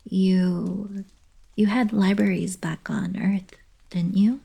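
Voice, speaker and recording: A woman performs a full character voice as a playful, teasing young alien princess who is also a fond college girlfriend, speaking softly, huskily, and slowly. Her medium-pitched, steady delivery is breathy and casually teasing as she thoughtfully explains things in an intimate, scripted ASMR monologue to the listener.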